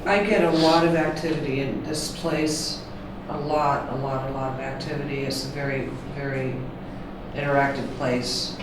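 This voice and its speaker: Relaxed male investigator, heard distant in an echoey, noisy room. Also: mid-range voice, moderate pace. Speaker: paranormal investigator. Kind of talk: on-location casual conversation. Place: indoor theater rooms.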